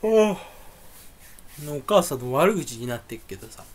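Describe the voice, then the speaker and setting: Ranting young man, lively swinging pitch. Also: moderate pace. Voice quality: voice sounds angry even when not. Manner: grumbling, ranting complaints with sudden loud outbursts. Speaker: streamer. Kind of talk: solo rambling monologue.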